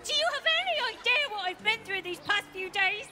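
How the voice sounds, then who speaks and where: Really high pitched frantic game mom, pleading, music under it. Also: female voice, animated, fairly quick, pushed and bright, heavily acted. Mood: distraught. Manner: distraught, pleading and exasperated. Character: frantic mother searching for her missing daughter. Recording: game audio with clear music.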